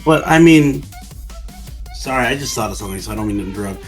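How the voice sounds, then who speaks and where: A drunk man in a casual fan discussion, rambling and halting as he repeats and restarts his phrases. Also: medium pitch, lively intonation. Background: music.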